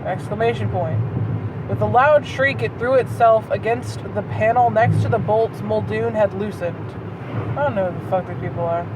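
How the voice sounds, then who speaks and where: Speaking at a normal speed in a mid-range voice, this host performs bad fan fiction dramatically and interrupts herself with casual, disbelieving, profanity-laced commentary. The recording was made in a moving car, with road and engine noise clearly audible.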